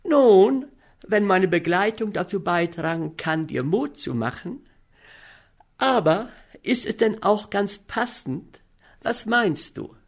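Storybook young lady, bright and teasing, put on by a male reader, raised pitch. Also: lively intonation, takes it slowly, vocal fry, heavily acted. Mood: hesitant. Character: young woman, sweetly enthusiastic and teasing. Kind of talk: audiobook character voice.

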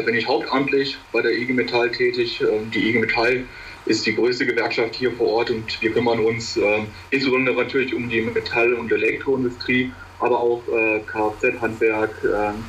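A man's voice: medium pitch, little pitch movement, normal speed, fairly bright tone, dull audio, slight background noise. A man in his thirties, a radio guest working as a union official, speaking steadily with many fillers. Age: 30s.

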